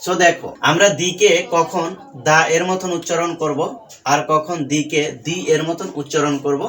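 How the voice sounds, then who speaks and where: A man's voice: a little high, fairly even intonation, moderate pace, a bit bright. A young man teaching an online English grammar lesson, patiently repeating key points and quizzing his students.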